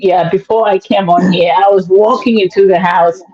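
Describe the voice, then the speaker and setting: A woman hosting a podcast in a casual, halting way with many fillers. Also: mid-range voice, fairly even intonation, darkish tone, muffled recording. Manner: halting, full of fillers, laughs easily. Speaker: podcast host.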